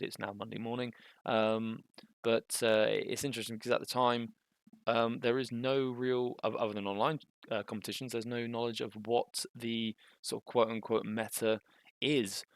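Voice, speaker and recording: A young man giving casual, thinking-aloud commentary on a card game match, with bursts of excitement. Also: mid-range voice, gravelly, no room sound, clean studio sound.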